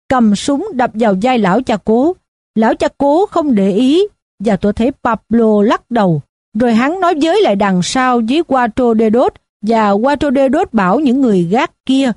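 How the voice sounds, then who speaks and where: Warm-voiced woman reading a novel. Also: on the high side, no room sound. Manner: steady, measured storytelling. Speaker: audiobook narrator. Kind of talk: first-person novel reading.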